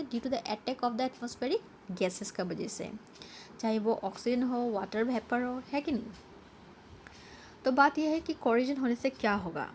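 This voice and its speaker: A fairly high-voiced woman teaches a science class from slides. She poses questions to herself and answers them, and she slows down to read English definitions. A faint hiss of noise sits under the recording. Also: darkish tone. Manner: switches between Hindi and English, reading English definitions slowly. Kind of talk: slide-based lesson explanation.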